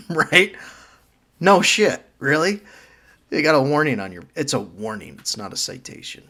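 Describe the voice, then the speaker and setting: Gravelly-voiced man telling stories. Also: mid-range voice, big pitch swings, normal speed, long pauses, sharp tone. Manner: storytelling with dry swearing humor. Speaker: podcast co-host. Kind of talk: casual chat.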